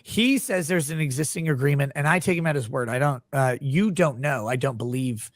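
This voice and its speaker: A man questioning someone conversationally, halting at times but insistent. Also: medium pitch, no echo, clean studio sound. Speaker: live stream interviewer.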